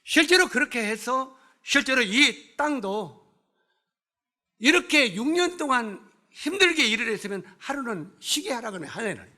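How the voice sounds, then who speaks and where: A male pastor delivers a sermon in a church, his voice pitched unusually high and swinging widely up and down. The tone is bright and forceful. He keeps throwing rhetorical questions at the congregation and mixes blunt scolding with humor. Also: sing-song, moderate pace. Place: church sanctuary.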